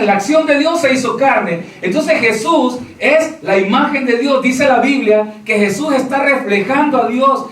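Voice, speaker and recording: High-voiced preacher guy, asks the crowd stuff, echoey hall, a bit far from the mic. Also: a bit bright, slight background noise. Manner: preaching, addresses listeners as "hermano", asks questions. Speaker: pastor. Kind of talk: sermon. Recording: roomy echo, voice from off mic.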